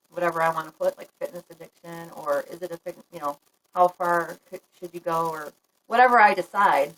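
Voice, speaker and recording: Casting note: frank, chatty woman vlogger, fairly low voice, live-stream chat. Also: rough recording. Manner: chatty, frank, laughs often, talks to viewers. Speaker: livestream vlogger.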